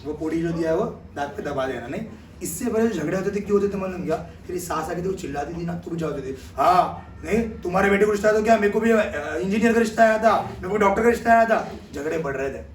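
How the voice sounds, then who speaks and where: A man voicing a calm, wise old village holy man giving instructions. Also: high-pitched, fast, echoey room, recorded from a distance, a little hiss or hum, natural voice. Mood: explaining.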